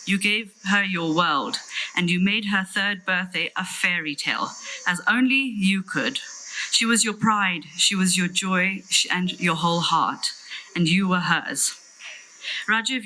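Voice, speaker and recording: Bright-voiced British woman giving a tender eulogy. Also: mid-range voice, a little hiss or hum, rough recording. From London, England. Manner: tender, solemn, measured delivery. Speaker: sister giving a farewell eulogy. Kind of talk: prepared eulogy speech.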